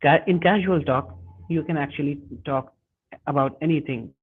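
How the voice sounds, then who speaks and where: A man presenting a webinar lesson, talking haltingly with frequent restarts and self-corrections. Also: a little high, slightly rough. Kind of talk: lecture on workplace communication. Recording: tinny phone-like webinar audio.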